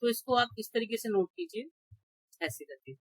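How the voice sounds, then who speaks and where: A man's voice: very high-pitched, animated, normal speed, fairly bright tone, dry recording, poor audio. A male teacher walks his class through exam grammar rules one step at a time. He often checks that his students are following and answers his own questions. His voice is recorded dry and close, with no room sound. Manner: asks rhetorical questions and answers them. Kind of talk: exam-prep grammar lecture.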